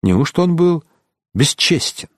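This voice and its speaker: A man voicing a meek, soft-spoken Franciscan friar in an audiobook. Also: fairly high pitch, sing-song, a little slow, dry recording, clean studio sound, voice pushed up. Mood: pious.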